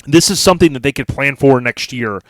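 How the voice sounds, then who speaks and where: A man's voice: mid-range voice, a little fast, a bit bright, no room sound. An American man hosting a casual podcast chat, talking enthusiastically and speaking straight to his listeners. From United States. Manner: enthusiastic, addresses listeners directly. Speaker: podcast host.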